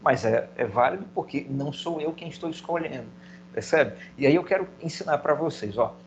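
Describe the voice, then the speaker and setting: A man's voice: fairly high pitch, expressive, a little fast, dull audio, slight background noise. A man teaching a recorded video lesson, explaining step by step and putting questions to himself in his students' voice. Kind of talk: video lecture.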